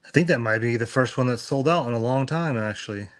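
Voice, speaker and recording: A man co-hosting a live podcast about collectibles in a laid-back way. He speaks at a middle pitch and mostly keeps his replies short and easygoing. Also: quick pace. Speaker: podcast co-host. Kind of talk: casual live-stream chat.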